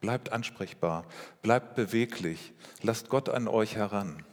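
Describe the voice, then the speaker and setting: A man preaching a sermon as pastor, speaking in a measured way with rhetorical questions and repeated phrases. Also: on the low side. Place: church. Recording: long reverb of a church hall.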